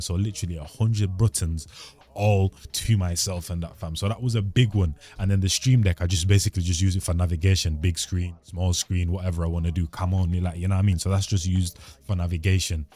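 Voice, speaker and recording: A young male channel host chats casually to camera in a vlog, slangy, laid-back and rambling, into a studio mic at his home desk. His voice is low-pitched and mellow, with a steady tone and a brisk pace.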